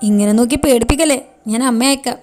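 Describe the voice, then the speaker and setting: A woman's voice: a little high, fast talker, darkish tone, faint music behind, lightly acted. A woman reading a kind, joking young husband. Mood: gentle.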